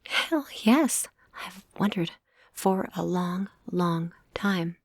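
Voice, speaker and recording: A woman's voice: on the low side, lively intonation, very slow, no echo, clean studio sound, exaggerated voice. A woman voicing a shaken young vampire heroine in an audiobook, in a tense, disbelieving way.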